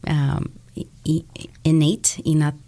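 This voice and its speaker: A woman speaking slowly in a low, gravelly voice. She hesitates often and fills pauses, dropping English words into her talk as she explains things in a relaxed interview. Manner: hesitant, many fillers, slips into English words. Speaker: teacher and group leader. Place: Chicago.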